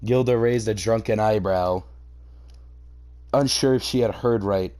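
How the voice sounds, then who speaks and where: A man with a lowish, darkish voice takes his time narrating a fan fiction for a comedic reaction reading. He breaks away to mock it, swearing and acting theatrically exasperated.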